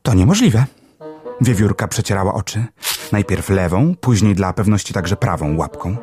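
A man narrating a children's storybook in a gentle, expressive reading. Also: low-pitched, normal speed, soft background music. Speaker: audiobook narrator.

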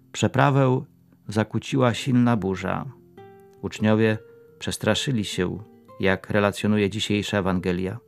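Man, priest, low gravelly voice, reflective homily, faint guitar behind. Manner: reflective, gently earnest. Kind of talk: short morning homily. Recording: soft guitar music behind.

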